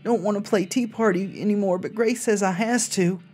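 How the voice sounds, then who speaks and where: A woman's voice: medium pitch, normal speed, a little mellow, slightly rough, soft background music, voice pushed up, natural voice. A woman voicing a naive, frightened little frontier girl reading out her diary in a video game, childlike and folksy. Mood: worried, plaintive.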